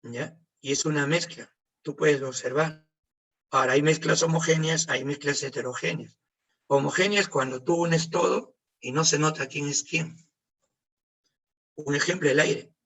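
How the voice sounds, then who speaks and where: A man teaching a chemistry class over a video call, lively, asking questions and answering them himself. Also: fairly high pitch, measured pace, gravelly, far from the mic, poor audio. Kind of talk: online class lecture. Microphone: computer mic on a video call.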